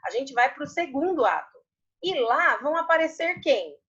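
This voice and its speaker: A woman's voice: sits high, big pitch swings, normal speed, fairly bright tone, highs cut off. A Brazilian woman teacher patiently explaining homework answers to young students, often repeating words and asking tag questions. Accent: Brazilian Portuguese. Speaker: primary school Portuguese teacher. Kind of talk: online class explanation.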